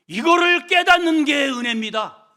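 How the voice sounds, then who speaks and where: Male pastor, sermon, high and sharp-toned, folksy, jumps from hushed to loud. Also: expressive, moderate pace. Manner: swings between hushed and loud, emphatic delivery; folksy, colloquial storytelling with humor. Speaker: senior pastor.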